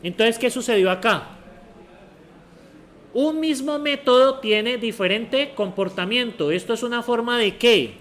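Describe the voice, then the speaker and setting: A university lecturer teaches a programming class, explaining things step by step and peppering students with short, quick check questions. His voice is extremely high-pitched and a bit bright.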